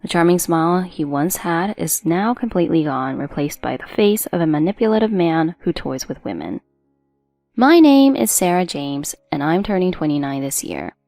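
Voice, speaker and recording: A woman reading a first-person drama story as a narrator in a steady storytelling delivery. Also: lowish voice, moderate pace, creaky, no echo, faint music behind.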